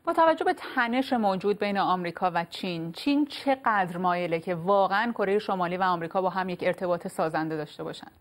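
A woman in her thirties with an Iranian Persian accent, presenting the news and interviewing in a measured, formal newsreader manner. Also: on the low side. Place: large TV news studio, indoors.

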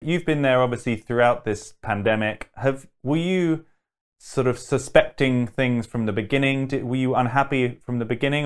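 A man in his thirties hosting an interview from a studio, asking questions in a polite, eager way. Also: medium pitch. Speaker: interview host.

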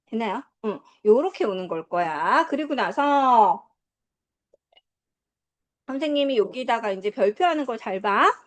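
A woman teaching English to a class, drilling pronunciation and quizzing her students in a lively, coaxing way. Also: a little high, unhurried, pauses often. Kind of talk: classroom lesson.

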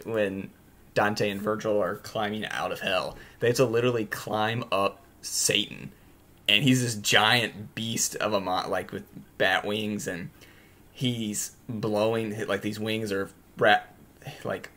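Young man rambling about a book, lowish voice. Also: a bit bright. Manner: rambling, full of "like" and restarts. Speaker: book podcast host. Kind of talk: casual book talk.

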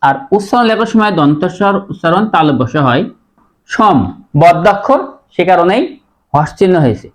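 A man teaching a pronunciation lesson, explaining rules step by step and repeating each word slowly. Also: high-pitched, expressive.

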